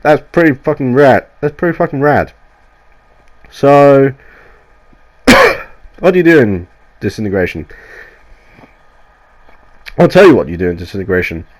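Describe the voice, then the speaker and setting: A gaming YouTuber with a cold sounds nasal and coughs now and then as he rambles through a casual, sweary, enthusiastic game review voiceover on a voiceover mic, restarting often. His medium-pitched voice is expressive and a little mellow, at a measured pace with long pauses.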